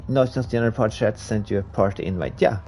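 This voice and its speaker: A fast-talking Swedish man with a fairly low, dark voice streams himself racing, soft music in the background. English isn't his first language; he chats casually, reads viewers' messages aloud and laughs at himself.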